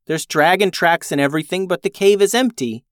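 A storyteller voicing an eager young girl named June, talking high and earnest. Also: fairly quick, no echo, studio quality, close to an everyday voice. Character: eager young girl, lost far from home.

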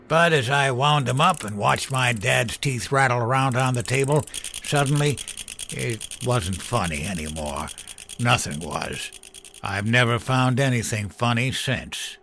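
A man's voice: medium pitch, lively intonation, unhurried, creaky, bright, forceful tone, heavily acted. An actor playing a bitter old grandfather, a former comedian, telling his story in an audio drama with a weary manner. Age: older.

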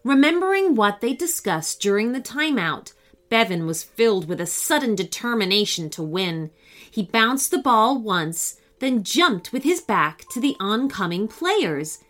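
Expressive woman reading a children's story. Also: fairly high pitch, a little slow. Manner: expressive, animated. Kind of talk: scripted children's story narration.

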